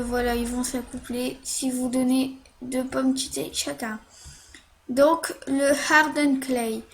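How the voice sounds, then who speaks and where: Slow, high-voiced woman explaining a game. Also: slight background noise. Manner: hesitant, many fillers and "hop" while playing. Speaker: game tutorial narrator. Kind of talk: casual screen-recorded game tutorial.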